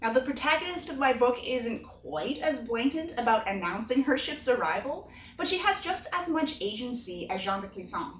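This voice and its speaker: A woman's voice: on the high side, sing-song, normal speed, few pauses, a bit bright, slight background noise. A woman author giving a chatty, earnest video update to her readers. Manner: chatty and earnest, with bursts of laughter. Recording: echoey room, mic at a distance.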